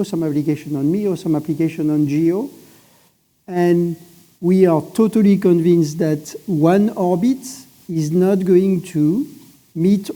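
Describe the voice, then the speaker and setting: Dark-voiced man on a conference panel. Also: sits high. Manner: measured, emphatic, restarts phrases. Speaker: panelist, satellite operator executive. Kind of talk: industry panel discussion.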